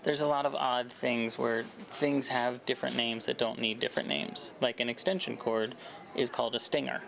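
A man's voice: mid-range voice, fairly even intonation, normal speed, vocal fry, fairly bright tone, slight background noise. A man from Arkansas, a filmmaker, explaining his work casually in an interview. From Arkansas, United States. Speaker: filmmaker and lead actor being interviewed.

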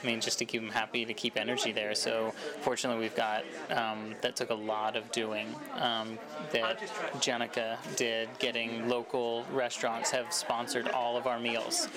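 A man from Arkansas, a filmmaker, explaining his work casually in an interview. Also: medium pitch. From Arkansas, United States. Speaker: filmmaker and lead actor being interviewed.

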